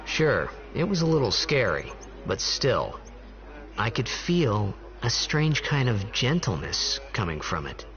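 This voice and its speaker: A man's voice: mid-range voice, very animated, takes it slowly, a bit bright, muffled recording, faint music behind. An actor playing a candid, wistful young man who narrates his journey in a reflective video game voice-over. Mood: candid wonder. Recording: dulled game audio through a stream.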